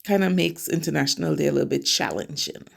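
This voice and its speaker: A middle-aged nail technician from Trinidad and Tobago narrates a casual tutorial, chatting as she explains each step of her work. Her low, creaky voice is animated, and she talks fast.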